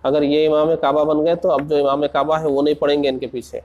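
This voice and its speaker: A man preaching in a slow, deliberate way, asking rhetorical questions and rising into passionate emphasis. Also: a little high, flat delivery, darkish tone, lo-fi sound. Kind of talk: Urdu sermon.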